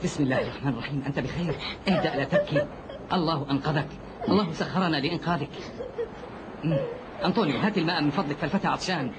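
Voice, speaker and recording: A man voicing a kindly, devout sheikh in an animated film, gentle and fatherly, speaking with preaching warmth. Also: on the high side, rapid-fire, lightly acted. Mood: soothing. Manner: warm, preaching, lively delivery. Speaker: boat sailor. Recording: noisy soundtrack background.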